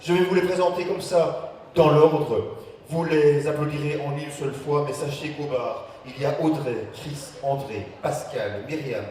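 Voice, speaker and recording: Echoey male cabaret host, fairly high voice. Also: unhurried, a little mellow, a little hiss or hum. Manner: chatty, hesitant, repeats words as he goes. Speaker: cabaret master of ceremonies. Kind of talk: live stage announcements. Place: cabaret stage in a hall. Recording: echoey hall, slightly distant microphone.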